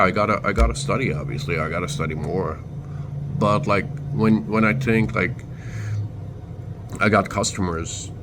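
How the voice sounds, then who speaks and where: Speaking haltingly, a deep-voiced man from Turkey shares a casual vlog story, repeatedly breaking off and fixing his words. The recording carries noisy background sound.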